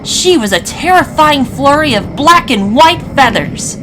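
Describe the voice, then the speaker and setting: Very animated woman storyteller. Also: sits high, a little slow. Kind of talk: animated scripted children's story narration. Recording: faint background noise.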